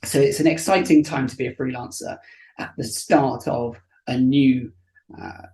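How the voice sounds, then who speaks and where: A co-presenter giving measured, thoughtful closing remarks to an online event audience. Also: medium pitch, fairly even intonation, dark tone.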